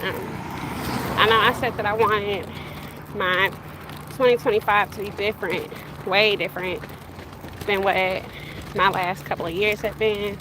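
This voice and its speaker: A Bahamian woman in her thirties walks outdoors pushing a stroller, chatting casually and rambling to her livestream viewers, whom she addresses directly. Her mid-range voice is steady and a little slow, with long pauses. She's filmed on a handheld phone, with street noise around her.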